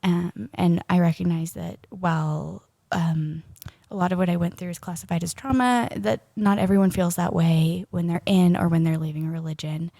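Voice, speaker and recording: Still scratchy after a cold, a thirtysomething woman co-hosting a podcast keeps the conversation casual, full of ums and laughs. Her pitch is fairly low, and her tone is creaky and warm. The recording is dry.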